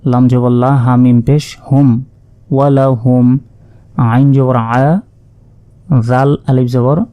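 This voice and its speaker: A man teaching Quran reading, spelling out Arabic syllables patiently and chanting each word slowly. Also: medium pitch, flat delivery, warm tone, smooth, no room sound. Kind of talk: spelling out Arabic letter by letter, slow recitation lesson.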